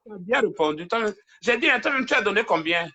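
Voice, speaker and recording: High-pitched, animated and brisk, this man hosts a relaxed livestream from his home using a phone. Chatty and teasing, he sometimes drifts away from the mic and lowers his voice to a quiet aside when he's on a phone call.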